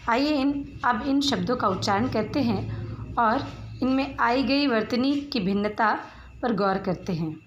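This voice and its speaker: A woman teacher giving a school spelling lesson, reading word pairs aloud with careful, clear enunciation. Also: a little high, unhurried, highs cut off, a little hiss or hum. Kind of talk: slow, deliberate Hindi lesson. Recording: echoey room with faint background ambience.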